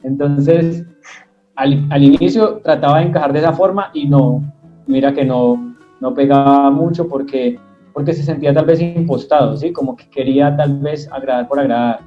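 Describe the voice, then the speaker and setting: A man's voice: a little high, highs cut off, faint music behind. A young man with a Tolima Colombian accent, a comedian speaking reflectively in a casual interview. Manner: reflective, self-deprecating, fills pauses with "eh". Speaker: comedian guest. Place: at home.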